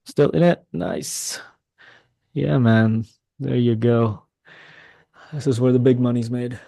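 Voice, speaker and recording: A middle-aged man, a day trading mentor, commenting on a live trading session, excitable and talking to his chat, swearing when frustrated. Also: medium pitch, slow pace, creaky, no echo.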